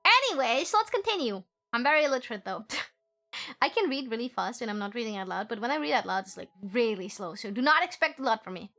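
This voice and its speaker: High, bright-voiced excitable woman streamer. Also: soft background music. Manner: fast, excitable talker. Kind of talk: casual live-stream chat while playing a game.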